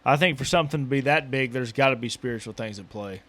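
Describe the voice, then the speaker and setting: A man's voice: medium pitch, quick pace, a bit bright, dry recording. A man hosting a casual podcast chat who talks hesitantly, stumbling and repeating his words as he questions his co-host, recorded in a small building.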